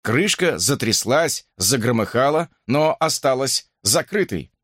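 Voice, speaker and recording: A man narrating an audiobook in an expressive, animated reading. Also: mid-range voice, measured pace, dry recording, studio quality.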